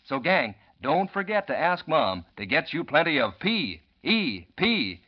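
A man delivers an old-time radio sales pitch with folksy enthusiasm. His voice is a little high and very animated. The recording is dull and dated. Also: measured pace. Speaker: commercial announcer.

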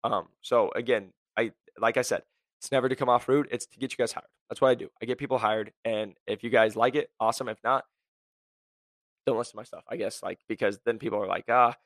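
A young man hosting a career podcast, blunt and high-energy, packed with "like" and "right?". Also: fairly even intonation, fast, no echo. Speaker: podcast host. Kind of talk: motivational career podcast talk.

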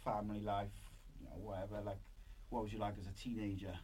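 This male podcast host, speaking with a Welsh accent, sounds low and a little mellow, keeping a flat delivery at a quick pace. His chat is casual and wandering, peppered with "like," and the clear recording has noise in the background.

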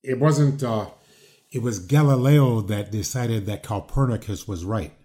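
Here the ex-wrestler turned podcast host, a man in his sixties, talks in an unhurried way, his pitch fairly low and his tone dark. The casual interview conversation rambles, peppered with fillers and restarts.

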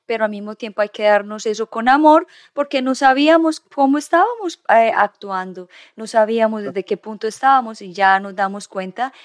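A woman's voice: fairly high pitch, expressive, normal speed, few pauses, no echo, studio quality. A woman hosting a casual conversation, speaking reflectively and slipping English fillers into her Spanish.

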